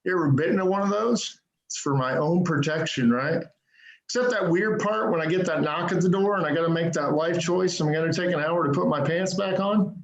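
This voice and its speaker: A man with a voice on the high side does a brisk, self-deprecating stand-up set over a video call, landing punchy jokes and often adding "right?". His computer mic sounds muffled in an echoey room.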